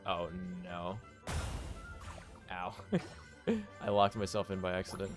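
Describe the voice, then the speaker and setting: A man's voice: low-pitched, slow. A man streaming a video game with casual, slangy, laid-back commentary. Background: game music.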